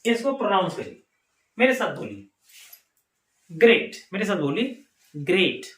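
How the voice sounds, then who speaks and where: Male Indian teacher in a classroom, animated questioning delivery, room echo. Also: high voice, a little slow. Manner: lively, asks the class questions and answers them himself. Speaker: English teacher. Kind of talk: classroom lesson. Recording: echoey room.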